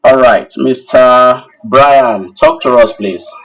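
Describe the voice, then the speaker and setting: Leading a live online technical class, this instructor takes questions politely, addresses students as sir, and repeats phrases to stress points. He talks slowly in a mid-range, slightly bright voice, but the mic is distant and the audio poor.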